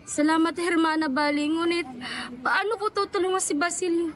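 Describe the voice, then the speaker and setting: A woman's voice: very high-pitched, normal speed. A girl playing a frantic young woman. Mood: fearful. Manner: pleading, cries out. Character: desperate young woman, frightened, grieving. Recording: clear background noise.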